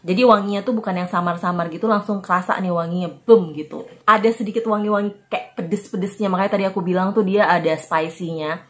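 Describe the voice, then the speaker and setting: A woman's voice: medium pitch, steady tone, quick pace. A young woman hosting a casual perfume review vlog, talking in a chatty, informal way with many fillers. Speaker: perfume reviewer, channel host.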